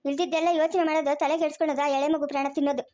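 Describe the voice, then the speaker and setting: A woman playing a sharp-tongued grandmother who scolds her daughter-in-law, speaking rural Chikkaballapur Kannada. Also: high voice, level tone, close to an everyday voice. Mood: scolding. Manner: scolding, rapid and raised. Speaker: grandmother character. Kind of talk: family drama acting.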